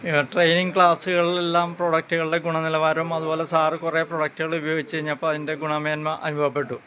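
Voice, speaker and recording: A man interviews new members inside a large indoor showroom, asking leading questions and prompting each guest to speak up. His voice sits a bit high. A faint hum runs under the recording. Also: completely flat delivery, quick pace, sharp tone. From Kerala. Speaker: interviewer at a store visit. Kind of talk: casual promotional interview.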